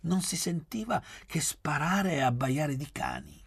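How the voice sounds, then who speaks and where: A bright, teasing young hostess, as a male reader puts her on, her voice lifted high and swinging widely as she mocks her guests. The voice underneath stays husky. Faint music sits behind the reading of this audiobook. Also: huge pitch swings, a little slow, full character voice. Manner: playful, mocking.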